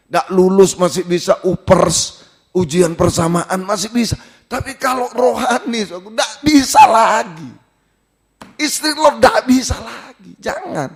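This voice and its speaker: A man from Indonesia, preaching a sermon as pastor and asking the congregation questions, swinging from loud exclamations to low asides.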